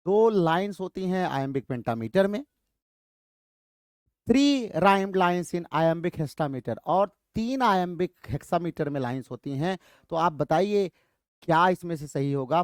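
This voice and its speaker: A man teaching English literature to students, reading quiz options slowly and explaining briskly, calling them children. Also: a little high, no echo, studio quality. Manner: addresses students as bachhon and beta, urges quick answers. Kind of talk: quiz lesson in Hindi mixed with English.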